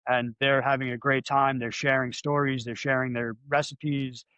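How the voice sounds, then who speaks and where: A man's voice: medium pitch, little pitch movement, normal speed, sharp tone, clean tone, no room sound, highs cut off. A man with a mid-range voice hosts a casual podcast interview. He is easygoing and asks long, winding questions. The sound is dry and close-miked. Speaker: podcast host.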